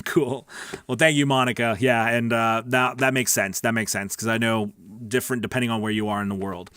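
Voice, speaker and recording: In a relaxed livestream Q&A, the host of a weekly voice-over coaching show reads and responds to viewer comments, chatting informally and regularly checking that people follow along. His voice is smooth, a bit bright and medium-pitched. The sound is dry and studio quality.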